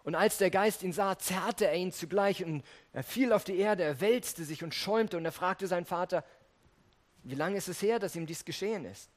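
A man's voice: sits high, normal speed. A man preaching a sermon, reading scripture and earnestly speaking straight to his listeners. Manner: earnest, addresses listeners directly.

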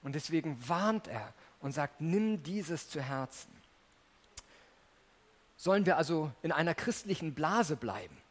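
Conversational man preaching a sermon. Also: on the high side. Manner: conversational, addresses listeners directly, reads scripture aloud.

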